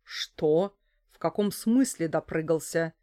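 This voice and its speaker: A woman reading an audiobook voices an indignant, loudly protesting male architect who is being arrested. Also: sits low, takes it slowly. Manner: protesting, loud.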